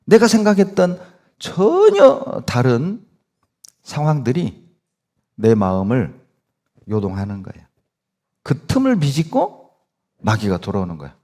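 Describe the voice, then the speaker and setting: A man's voice: medium pitch, mellow. A male pastor preaching a sermon with emphatic delivery and many rhetorical questions.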